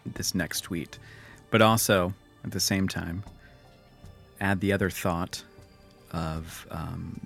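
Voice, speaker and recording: A man co-hosting a comedy podcast, chatting casually and reading out his jokes in a deadpan way. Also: deep voice, vocal fry, husky. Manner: joking, reads tweets in a deadpan whisper. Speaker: podcast co-host.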